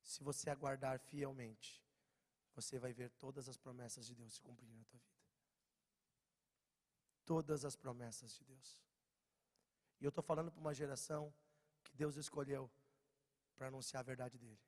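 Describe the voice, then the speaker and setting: A Brazilian man with a slight cold, preaching a lively storytelling sermon to young people, swinging from loud bursts to quiet low lines. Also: brisk. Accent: Brazilian Portuguese. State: slightly hoarse, has a cold. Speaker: preacher at a youth meeting. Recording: long church-hall reverb.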